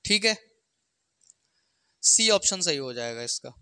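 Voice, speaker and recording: Working through exam problems step by step, a maths teacher checks that learners are keeping up by dropping in short questions. The mid-range voice sounds bright, sharp, and smooth, very animated yet a little slow, in a dry recording with little room sound.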